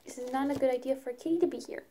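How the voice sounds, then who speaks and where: A woman's voice: high-pitched, fairly even intonation, very fast, very noisy. A woman hosting a casual prank vlog, chatty and bubbly, with whispered asides. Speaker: vlogger.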